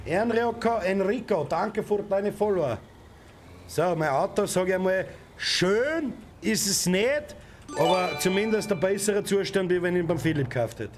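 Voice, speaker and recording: High-voiced Austrian streamer who yells at traffic. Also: male voice. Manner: swears and shouts at other drivers. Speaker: gaming streamer. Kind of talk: let's play commentary. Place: home gaming room. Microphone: desk mic with headset.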